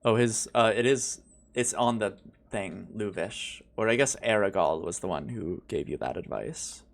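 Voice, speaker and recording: A man narrating as game master of a tabletop game on a live stream, relaxed and thinking aloud. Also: lowish voice, normal speed, creaky.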